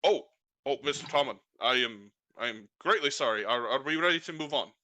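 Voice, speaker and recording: A man's voice: medium pitch, expressive, fairly quick, bright, forceful tone, no room sound. A man voicing a sleepy, flustered carriage driver who stammers out apologies.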